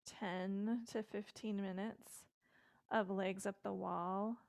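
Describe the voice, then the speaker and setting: Woman yoga instructor, unhurried and calm, gravelly edge, dry close sound. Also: medium pitch, dry recording. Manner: calm, slow, gentle guidance with casual fillers.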